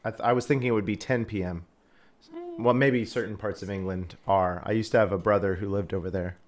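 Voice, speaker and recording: A man's voice: lowish voice, steady tone, fairly quick. Chatty man rambling through a story. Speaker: host. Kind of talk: casual live stream chat.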